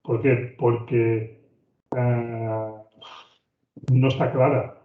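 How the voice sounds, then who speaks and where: A man's voice: mid-range voice, level tone, drawn-out words, faint music behind. Man from Spain lecturing over a tinny call. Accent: Spain Spanish. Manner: conversational, often repeats words and restarts phrases. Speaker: business trainer. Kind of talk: online training lecture. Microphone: video call microphone. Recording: tinny, roomy online call audio.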